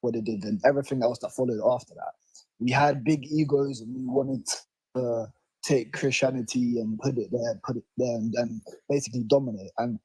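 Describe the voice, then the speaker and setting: A man's voice: mid-range voice, fairly quick, dark tone, slightly rough, no echo, low-quality recording. A young man with a South London accent talking casually and earnestly in informal slang as a caller on a livestream. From South London, England. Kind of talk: casual opinion talk. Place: alone in his room.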